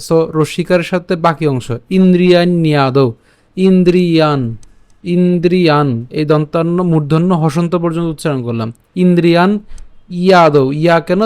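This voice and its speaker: A man, teaching how to pronounce a Sanskrit verse, breaking words into syllables and chanting them slowly. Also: on the high side, clear, resonant tone, no room sound. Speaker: Gita teacher.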